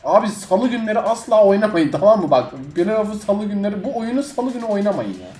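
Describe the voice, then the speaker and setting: A young man talks over his own football match, his voice swinging from sharp, high outbursts down to low, tired grumbling. His voice sits a bit high and moves a lot. The room sounds echoey, with faint game music running underneath. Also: very animated, quick pace. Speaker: gaming streamer. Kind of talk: live gameplay commentary.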